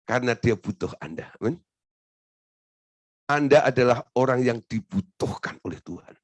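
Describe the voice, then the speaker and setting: A male pastor preaching a sermon, quizzing the congregation with rhetorical questions and jumping into high emphatic bursts. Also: animated, moderate pace, no echo.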